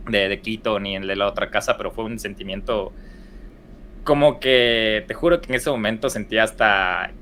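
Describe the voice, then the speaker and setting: A man's voice: lowish voice, normal speed, a bit bright, a little hiss or hum. A young man with an Ecuadorian accent, telling stories casually as a podcast guest and rambling through restarts and fillers. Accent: Ecuadorian Spanish. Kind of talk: casual storytelling in conversation.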